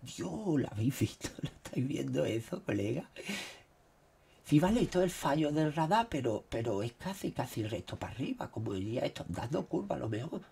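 A man with a Spain Spanish accent, his throat dry after a cold, excitedly commenting on what is on his screen. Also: medium pitch, a little fast, creaky, breathy edge. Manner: excitable, exclaiming, keeps saying "look". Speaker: vlogger. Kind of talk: casual commentary on screen recording.

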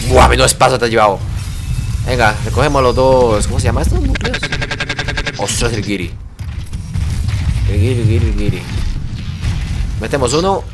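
A young man, excitedly commentating his own gameplay and swearing at the action. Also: mid-range voice. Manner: excitable, swearing, reacting loudly to the game. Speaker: gamer.

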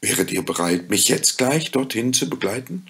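Ein Mann spricht in einer Märchenlesung eine gütige Fee, leise, langsam und sanft. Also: male voice, medium pitch, big pitch swings, a little hiss or hum, voice pushed up. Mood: gentle. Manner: soft, slow and quiet. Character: gentle kind fairy woman, calm and wise.

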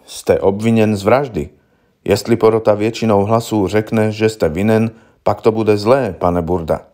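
A man's voice: lowish voice, fairly even intonation, a little mellow, natural voice. A man voicing a young, naive defense lawyer who speaks formally and patiently, explaining things to his client. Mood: earnest.

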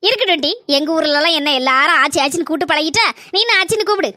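A woman's voice: sits high, lively intonation, rapid-fire, pushed and bright, dry recording, clean studio sound, voice pushed down. A woman voicing a bossy, teasing village grandmother in her sixties, with a Kanyakumari Tamil accent, in a cartoon comedy. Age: 60s. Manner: scolding, teasing. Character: bossy village granny near sixty.

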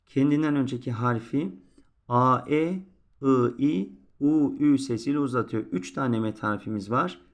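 A man teaching a Quran alphabet lesson, drawing out each syllable slowly and chanting the drills louder. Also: medium pitch.

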